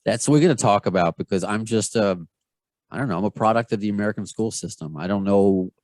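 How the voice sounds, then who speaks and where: A man in his thirties with a Long Island New York accent, hosting a podcast in a chatty, rambling, self-deprecating way. His voice is fairly low and sounds dry and close, with no room around it. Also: quick pace, a little mellow, no room sound. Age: 30s. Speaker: podcast host. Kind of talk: casual interview.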